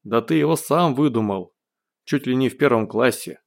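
A man voicing an excited young male sniper meeting an old schoolmate, eager and cheerful in an audiobook. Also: medium pitch, normal speed, vocal fry. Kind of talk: audiobook character voice.

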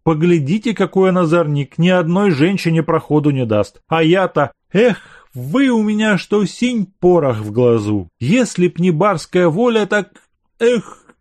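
A man's voice: sits high, lively intonation, a little slow, a little mellow, voice pushed up. A man voicing a timid middle-aged manservant who pleads in a plaintive, raised voice. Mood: pleading.

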